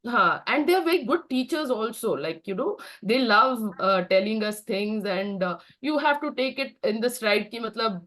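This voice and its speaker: A woman's voice: fairly high pitch, lively intonation, normal speed, few pauses, fairly bright tone, low-quality recording. A middle-aged woman with an Indian accent speaking casually in a group discussion, mixing Hindi phrases into her English. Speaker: participant in a networking discussion.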